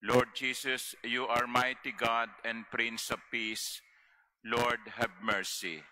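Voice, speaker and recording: A man leading Mass as priest, reciting prayers in a measured, formal way at a pulpit microphone in a large cathedral. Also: mid-range voice, level tone, bright, forceful tone, low-quality recording.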